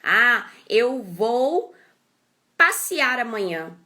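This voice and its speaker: A woman's voice: a little high, very animated, pushed and bright. A woman teaching an English grammar lesson online, explaining step by step and often checking in with "ok?". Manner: reads English example sentences slowly and carefully.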